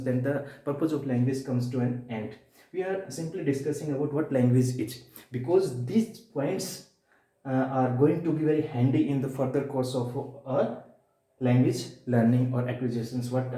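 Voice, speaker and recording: An Indian man whose first language is Hindi teaches spoken English with an Indian accent, repeating points and using rhetorical questions and emphatic pauses. His mid-range voice sounds warm, and the room is echoey.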